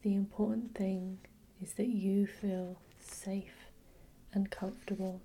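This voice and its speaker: A woman whispering a slow, soothing guided relaxation with gentle repetition. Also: medium pitch, flat delivery, slightly rough. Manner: soft unvoiced whisper. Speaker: hypnosis guide.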